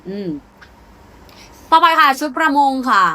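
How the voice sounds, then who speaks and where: Bright-voiced woman drilling syllables. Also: sits high, animated. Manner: patient, repeats syllables slowly for students. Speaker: Korean language teacher. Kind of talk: beginner spelling drill lesson. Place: classroom.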